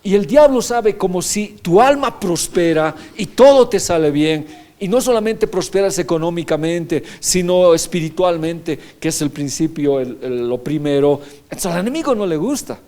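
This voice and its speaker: A man's voice: fairly high pitch, lively intonation, moderate pace, warm tone. A man preaching a sermon as pastor, reading scripture aloud and often asking the congregation rhetorical questions. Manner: reads scripture verses aloud.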